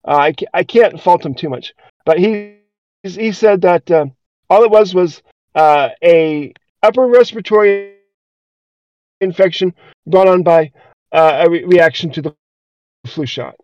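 This co-host's storytelling is casual and wandering, riddled with hesitations and restarts. He has a high, slightly mellow voice at a measured pace with long pauses, captured in a dull, dry, lo-fi recording without echo.

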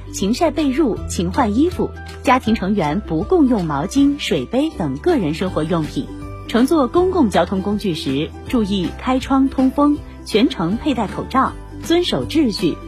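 Animated woman reading public service tips. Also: mid-range voice. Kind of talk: scripted health tips narration.

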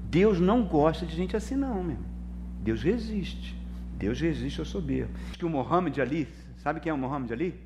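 A high-voiced Brazilian man preaches a sermon as pastor, his delivery swinging from loud bursts to quiet asides. He keeps calling his listeners brother. A faint hum sits under the recording. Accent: Brazilian Portuguese. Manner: dramatic preaching, swings between loud and soft.

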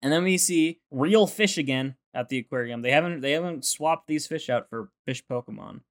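A man's voice: a little high, normal speed. A man co-hosting a podcast, giving a casual, comedic recap in a playful way. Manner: animated, sweary, breaks into impressions. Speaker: podcast co-host.

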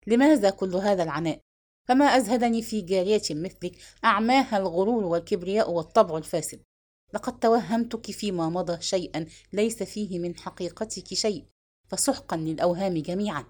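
Woman narrator doing a young king, proud, wounded, curt and scornful; lively pitch. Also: fairly quick. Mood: angry. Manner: stern, scornful retorts. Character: proud young king, lovesick and stung, turning bitter.

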